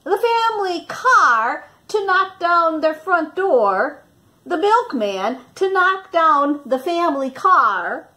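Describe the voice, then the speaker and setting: Reading a picture book aloud for kids, a woman with a high voice lets her pitch swing animatedly. She pauses for dramatic effect and poses questions to the children.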